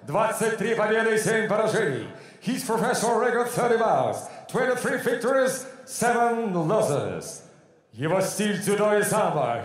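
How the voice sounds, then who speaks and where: A man working as a ring announcer, calling out formal fight introductions in a booming fighting-game announcer style with drawn-out names. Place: large indoor fight arena, in the cage. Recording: echoing arena PA sound.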